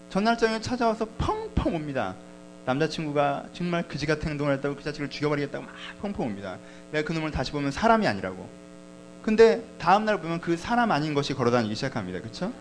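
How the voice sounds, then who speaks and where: Lively preaching man, animated voice. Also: mid-range voice, slight background noise, low-quality recording. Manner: lively, conversational preaching with questions to the congregation. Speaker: pastor. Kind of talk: sermon.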